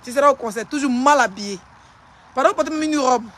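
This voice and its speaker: An Ivorian social media personality ranting and hurling insults in a live-stream clash, in a taunting, rapid-fire manner. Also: high-pitched, fairly bright tone, a little hiss or hum.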